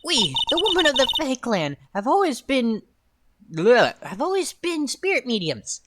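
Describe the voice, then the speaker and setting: Witchy young medium, high and cackling; woman doing the voice, quick singsong delivery. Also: huge pitch swings, a little hiss or hum, full character voice. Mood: mystical. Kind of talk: reading a visual novel aloud with voices. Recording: loud game music behind.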